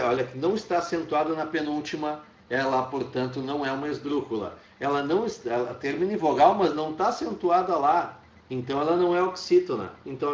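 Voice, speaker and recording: A man's voice: on the high side, recorded from a distance. A man with a Brazilian accent giving an online Spanish class, explaining with frequent "tá?" checks and restarts. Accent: Brazilian Portuguese. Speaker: Spanish teacher. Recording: echoey room, dull lo-fi sound.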